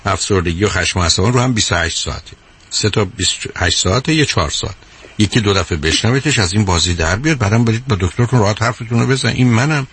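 An Iranian psychologist hosts a call-in advice show, emphatically lecturing a caller and repeatedly calling her "dear." His voice is on the low side, husky, with a fairly bright tone.

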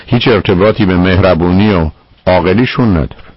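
A man with a very low, husky voice gives blunt, firm advice to a caller on a radio show. The broadcast sound is dull and lo-fi, with a dry, close feel. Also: no room sound. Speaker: radio counselor.

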